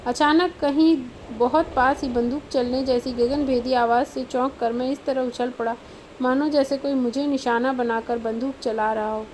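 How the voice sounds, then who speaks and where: Woman audiobook narrator, high voice, steady and expressive. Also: normal speed, a little hiss or hum, poor audio. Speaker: audiobook reader.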